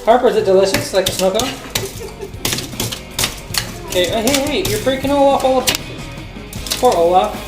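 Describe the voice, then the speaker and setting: Parent chatting with little kids, playful and encouraging, echoey room w loud music on. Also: mid-range voice, normal speed, long pauses. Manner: playful, encouraging, asks many questions. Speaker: parent vlogger. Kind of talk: casual chat with young children. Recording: roomy echo with loud music behind.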